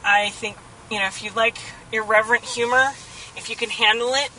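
A woman's voice: a little high, fairly even intonation, a little fast, sharp tone, far from the mic, slight background noise, rough recording. A woman co-hosting a podcast in casual chat, talking with enthusiasm. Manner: enthusiastic, chatty. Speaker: podcast co-host.

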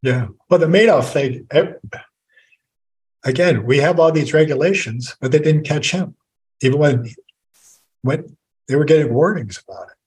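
A male author as an interview guest, explaining history in a measured, storytelling way. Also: on the high side, a little mellow, husky, rough recording. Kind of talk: podcast interview conversation.

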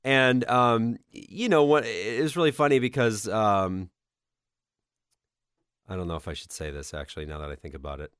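A man co-hosts a podcast, joking casually about games in a lowish, moderately paced voice that is fairly bright, clear and resonant. He has a cold, so he sounds nasal and congested and coughs now and then. The studio recording is clean with no echo.

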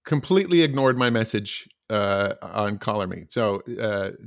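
A man's voice: fairly low pitch, lively intonation, normal speed, creaky. A man hosting a podcast, asking questions in a hesitant way full of fillers. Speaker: podcast host. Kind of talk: podcast interview.

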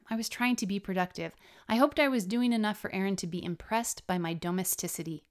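Woman reading her memoir like an audiobook, measured and expressive, mid pitch. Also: clean tone. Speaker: author narrating own memoir. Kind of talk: scripted audiobook-style narration.

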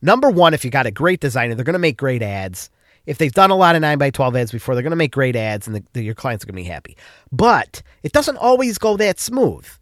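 A man from upstate New York, stuffed up with a cold, hosts a casual solo podcast, rambling and often restarting his sentences. He talks fast in a medium-pitched voice with big pitch swings, and the studio sound is clean with no room echo.

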